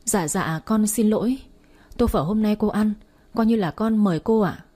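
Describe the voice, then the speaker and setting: Woman doing a young stall owner, feisty, defiant, raised husky voice. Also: moderate pace, warm tone, lightly acted. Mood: apologetic. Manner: defiant, shrill protests.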